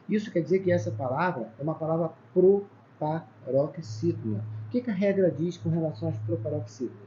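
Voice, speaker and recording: A Brazilian teacher explains grammar step by step, counting letters aloud and checking in with short "tá?" and "ó" asides. His voice sits fairly high for a man. The recording is a bit dull, with a faint hiss underneath. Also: dark tone. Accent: Brazilian Portuguese. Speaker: Portuguese teacher. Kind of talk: exam-prep lesson at a whiteboard. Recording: slightly dull sound with faint background noise.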